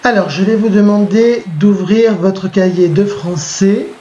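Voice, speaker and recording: French-accented male teacher, high-ish voice, patient dictating tone, slightly dull recording. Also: mellow, slight background noise. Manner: dictates slowly, repeats himself, checks with "d'accord?". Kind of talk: recorded lesson with slides. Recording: muffled lo-fi recording.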